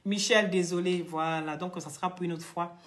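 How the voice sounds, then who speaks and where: Hoarse woman ranting mockingly. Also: lowish voice, steady tone, normal speed. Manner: loud, taunting, laughing often. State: hoarse, losing her voice. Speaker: social media live streamer. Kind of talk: mocking live-stream rant.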